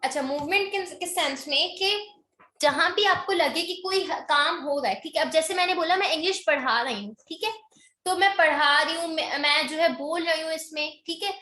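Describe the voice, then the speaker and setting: A woman teacher with a high, bright voice gives an online English grammar lesson. She explains in Hindi mixed with English, slows down for the definitions and keeps checking in with a quick "okay?". The room sounds echoey.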